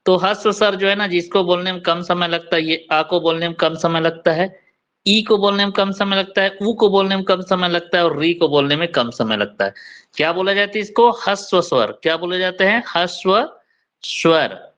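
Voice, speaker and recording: A man teaching Hindi grammar in an online class, slowly drilling letter sounds and quizzing his students. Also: high-pitched, a bit bright, dull audio.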